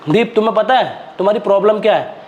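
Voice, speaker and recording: A steady husband who sternly sets his wife straight and tells her to respect others, played by a man. His voice runs high for a man. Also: fast talker, dull audio, natural voice. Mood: lecturing. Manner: firm, lecturing. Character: calm, firm husband. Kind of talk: amateur web drama acting.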